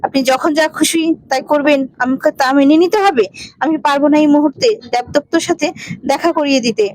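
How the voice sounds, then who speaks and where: A woman's voice: high-pitched, a little fast, a little mellow, dry recording, natural voice, rough recording. A woman voicing an irritable, proud young lawyer who answers with defensive, clipped questions. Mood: curt. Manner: sulky, defensive, snapping questions.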